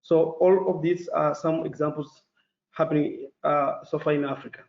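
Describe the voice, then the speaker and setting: Over a dull, echoey video call, a Mozambican man gives a formal webinar presentation as a panelist. His voice is a little high, steady, gravelly and darkish, and, as a native Portuguese speaker, he talks carefully and haltingly with many fillers.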